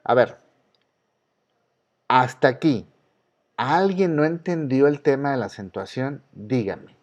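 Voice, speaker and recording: A man's voice: medium pitch, slow, darkish tone, highs cut off. A male teacher with a Mexican accent giving an online class, patiently repeating the rules and quizzing his students. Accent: Mexican Spanish. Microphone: video call.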